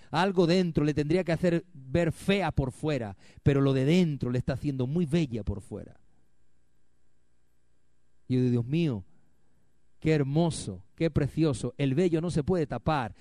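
Emphatic pastor preaching, dry sound. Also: male voice, fairly high pitch, mellow, no room sound. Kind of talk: sermon. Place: church.

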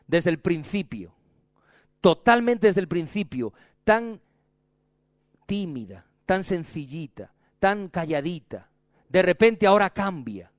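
High-voiced, emphatic male preacher. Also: big pitch swings, takes it slowly, pauses often, dry recording, clean studio sound. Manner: emphatic, repetitive, dramatic. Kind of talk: sermon.

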